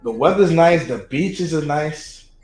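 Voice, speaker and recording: Man chatting haltingly in an echoey room. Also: a little high, animated, heavy background noise. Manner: halting, with many fillers and restarts. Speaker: guest. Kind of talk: casual chat.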